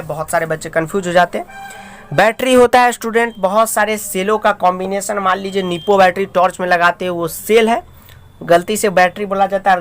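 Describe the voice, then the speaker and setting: A man's voice: high voice, fairly bright tone, clean tone. A man teaching a school science lesson, explaining step by step and often calling out to his students while he draws diagrams. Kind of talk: classroom science lecture.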